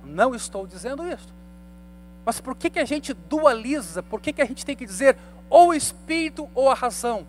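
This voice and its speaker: A man's voice: very high-pitched, lively intonation, moderate pace, a little hiss or hum. A man in his thirties, a pastor giving a conversational Bible study sermon and asking the congregation rhetorical questions. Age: 30s.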